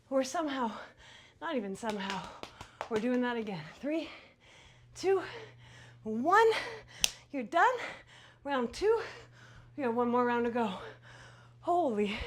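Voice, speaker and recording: A female fitness instructor with a high voice leads a workout while doing it herself. She is winded between phrases. She keeps urging the team on with short, upbeat pushes and countdowns. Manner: upbeat, encouraging, urging cheerleader-like pep talk. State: out of breath from exercising. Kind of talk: live workout coaching, counting down intervals.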